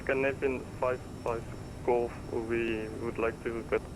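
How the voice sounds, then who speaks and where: A man's voice: mid-range voice, flat delivery, a little slow. Man on noisy group voice chat. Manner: clipped, cuts out at the ends of calls. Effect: heard through online group voice chat. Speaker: pilot on the network. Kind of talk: terse radio calls.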